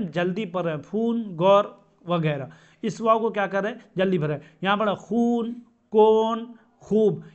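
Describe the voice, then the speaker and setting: A man teaching a grammar lesson, who asks questions and answers them himself and repeats each term. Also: high-pitched. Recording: dull lo-fi sound.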